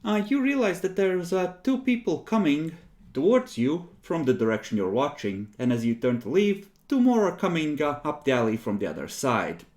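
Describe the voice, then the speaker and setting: A man's voice: fairly high pitch, big pitch swings, moderate pace, a little mellow. A man working as game master, narrating a tabletop game off the cuff in an amused way.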